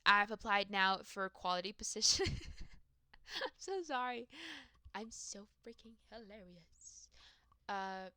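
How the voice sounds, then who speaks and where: A woman's voice: mid-range voice, pushed and bright, clean tone, no echo, clean studio sound. A young adult woman in a rambling, profane, self-mocking casual rant about her work. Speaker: vlogger.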